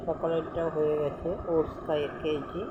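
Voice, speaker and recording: A man's voice: on the high side, little pitch movement, moderate pace. An older man chatting casually about daily life in a plain, repetitive, rambling way. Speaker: vlogger. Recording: dull lo-fi sound, clear vehicle noise.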